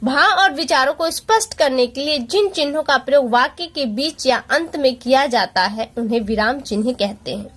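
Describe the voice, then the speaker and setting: A woman teaching an exam-prep lesson, explaining patiently step by step with rhetorical questions and slowing down to read out examples. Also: high voice, fairly bright tone. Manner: slows down to read out example sentences.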